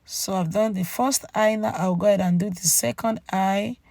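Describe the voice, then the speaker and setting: Female beauty vlogger, casual voice-over, cracking gravelly voice from a cold, mid pitch, talks directly to viewers. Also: fairly even intonation, normal speed, darkish tone, no echo. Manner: chatty, addresses viewers directly with tag "okay?". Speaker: beauty channel host. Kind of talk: makeup tutorial voice-over, casual narration.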